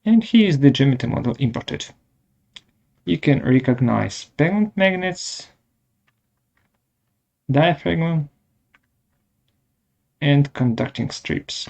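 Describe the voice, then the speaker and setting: A man with a gravelly, fairly high voice walks through a software tutorial step by step, giving short, halting instructions. His delivery is animated, though the audio sounds dull.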